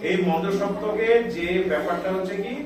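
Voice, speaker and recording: A man's voice: high-pitched, brisk, very echoey, distant mic, a crowd in the background. A man teaching schoolchildren a music lesson, explaining step by step, calling out scale notes and scolding the chatty ones. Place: school classroom.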